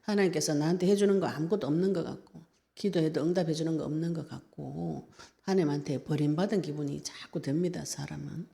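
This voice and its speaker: A woman's voice: deep voice, brisk, creaky, warm tone. A woman pastor with a Gyeongsang Korean accent, preaching a sermon in an earnest, conversational way.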